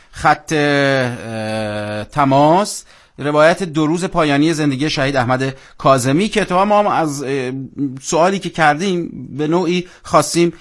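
A man hosting a radio program, speaking fluently and warmly, with frequent fillers. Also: a little high. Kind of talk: hosting a live radio show.

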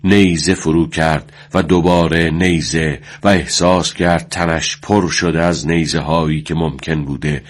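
A man reading a war story aloud in a solemn, measured way. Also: extremely low pitch, steady tone. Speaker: narrator.

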